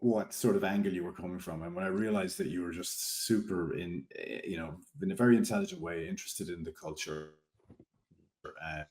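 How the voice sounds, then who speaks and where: Chatty Irish man, low voice, echoey room. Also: darkish tone. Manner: chatty, thinks aloud with fillers. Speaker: podcast co-host. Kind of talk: casual podcast chat.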